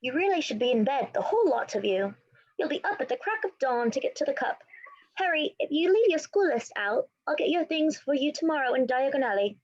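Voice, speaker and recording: A woman's voice: high-pitched, big pitch swings, fairly quick, muffled recording. A woman reading the part of a fussing, scolding middle-aged motherly witch.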